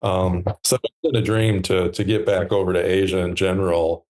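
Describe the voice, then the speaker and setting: A man in his thirties, a podcast guest talking in a relaxed, reflective way with many pauses and fillers. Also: low voice. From United States. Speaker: podcast guest, stand maker. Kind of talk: relaxed conversational interview.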